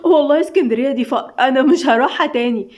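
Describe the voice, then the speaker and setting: A woman playing a teasing Egyptian young wife, fast and high, dull lo-fi sound. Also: darkish tone, close to an everyday voice. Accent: Egyptian Arabic. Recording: dull lo-fi recording.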